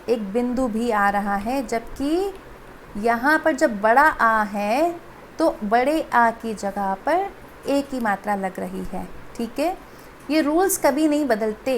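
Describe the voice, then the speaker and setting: A woman's voice: a little high, fairly bright tone, a little hiss or hum. A woman teacher patiently explaining a grammar lesson to children, speaking to them directly. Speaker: school teacher.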